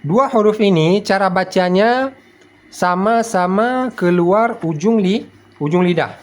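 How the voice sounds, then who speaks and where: A man teaching letter pronunciation slowly and patiently, drilling syllables one by one and checking that his students follow. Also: high-pitched. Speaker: Quran recitation teacher. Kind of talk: slow step-by-step pronunciation lesson.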